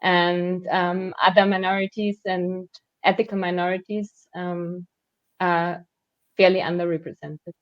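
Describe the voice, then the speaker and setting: A woman's voice: fairly low pitch, flat delivery, unhurried, dry recording. A woman expert in a panel discussion, thoughtful and hesitant, with frequent fillers. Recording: dry, dull lo-fi audio.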